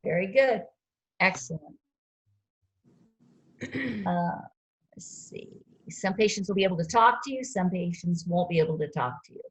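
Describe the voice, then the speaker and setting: A woman's voice: fairly low pitch, moderate pace, pauses often, breathy edge, poor audio. Woman teaching a ski patrol class. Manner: relaxed, conversational teaching with fillers and quizzing questions. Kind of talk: classroom lecture.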